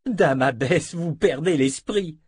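A man voicing a fierce young woman, a vehement and imperious sorceress of a dark order, in an audiobook. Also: fairly high pitch, normal speed, slightly rough, no echo, pitched above the performer's own voice. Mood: defiant.

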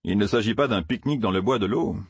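A man's voice: fairly low pitch, fast talker, vocal fry, slightly rough, no echo. A man voicing a nervous, sarcastic young village man in a storybook reading. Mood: jittery.

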